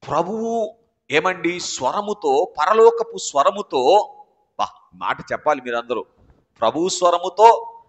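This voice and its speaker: Telugu-accented preacher in an echoing hall. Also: male voice, a little high, fairly bright tone. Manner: emphatic preaching, calls out to the congregation for responses. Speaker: pastor. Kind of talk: sermon. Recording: muffled sermon audio with long hall reverb.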